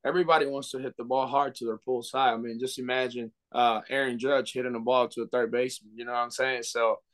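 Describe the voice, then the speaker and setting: A young man speaking English with a Dominican Spanish accent, a baseball coach answering an interviewer over a webcam. He talks earnestly at a middle pitch, often restarting phrases and filling with "you know". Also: flat delivery, quick pace, fairly bright tone. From Dominican Republic. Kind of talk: video call interview. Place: indoor room. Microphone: webcam on video call.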